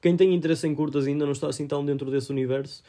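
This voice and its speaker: A man's voice: on the high side, steady tone, racing, mellow. A young man chatting casually about things in slangy speech sprinkled with English words. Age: young adult. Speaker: film discussion podcast co-host. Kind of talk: casual chat.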